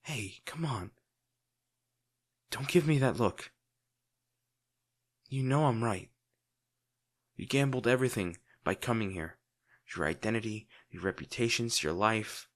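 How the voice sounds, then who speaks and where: Scolding in a fairly low, lightly acted voice, a man portrays a crime-boss villain in an intimate audio roleplay. Beneath the sardonic tone and dramatic pauses, he is secretly tender and worried.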